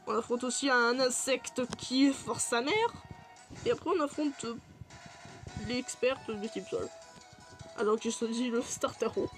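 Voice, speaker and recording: High-voiced, swearing French-speaking gamer woman. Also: unhurried, faint music behind. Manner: chatty, swears freely, excitable reactions. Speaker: gaming video creator. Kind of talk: let's play commentary.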